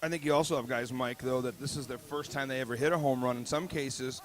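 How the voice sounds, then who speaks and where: A man's voice: medium pitch, fairly even intonation, fast talker. A man from a bat company chatting in a broadcast booth, thoughtful and explaining at length. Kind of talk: casual broadcast booth chat.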